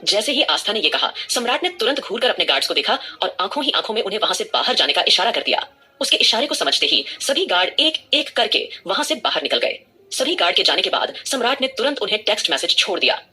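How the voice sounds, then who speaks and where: A woman's voice: mid-range voice, big pitch swings, quick pace, sharp tone, soft background music. A woman narrating a scripted audio drama with dramatic storytelling.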